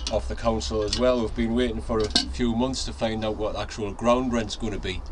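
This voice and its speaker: A lowish, fairly evenly intoned male voice at normal speed belongs to an allotment vlogger in his forties from North East England with a Northeast English accent. He rambles casually to a handheld camera with ums and restarts outdoors in the allotment garden, then moves to a shed and a fixed camera. Outdoor ambience includes traffic and sirens.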